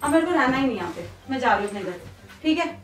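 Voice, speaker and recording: A woman's voice: high-pitched, sing-song, fast talker. A woman scolding her husband in a heated argument, repeating the same short question, recorded in a bedroom at home. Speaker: prank video creator. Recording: echoey room, far from mic, music behind.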